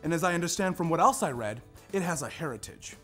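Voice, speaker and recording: A performer narrates a scripted readers theater piece, a staged reading of a research presentation, presenting quotations and tying ideas together. The voice is mid-range, animated, fast and fairly bright, with faint music behind it.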